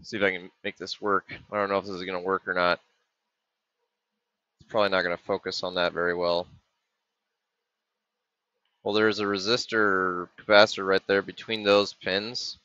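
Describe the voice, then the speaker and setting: Low, bright-toned man thinking aloud. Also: flat delivery, normal speed, long pauses, no echo. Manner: thinking aloud, with many ums and trailing restarts. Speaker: maker explaining a project. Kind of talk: casual screen-share walkthrough. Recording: dull, dry lo-fi webcam audio.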